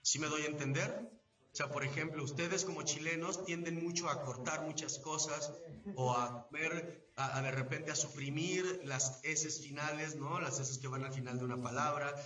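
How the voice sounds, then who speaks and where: Mexican man explaining things slowly, echoey hall. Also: a little high, fairly even intonation, bright, forceful tone. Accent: Mexican Spanish. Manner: didactic, measured, asks if understood. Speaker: voice actor, interview guest. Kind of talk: live event interview, explaining at length. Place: event venue. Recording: echoey, distant, dull sound.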